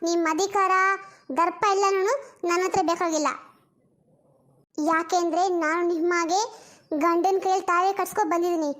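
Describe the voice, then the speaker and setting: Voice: extremely high pitch, steady tone, fairly bright tone. A performer voicing a defiant young bride who answers back in a family drama. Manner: defiant, quick retorts.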